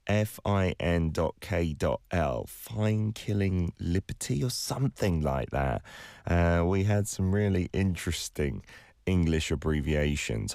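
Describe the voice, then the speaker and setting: This radio host, a native Korean speaker, has a very deep, darkish voice with vocal fry, captured in a clean, dry studio recording. He reads entertainment news from a script and chats casually between stories, easygoing and sprinkling in fillers.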